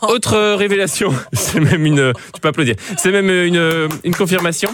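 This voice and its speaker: A man's voice: high voice, moderate pace, fairly bright tone. A man delivering a live comedy column in a radio studio, with mock-grave setups, punchline wordplay and asides that coax the studio to laugh along. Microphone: studio microphone.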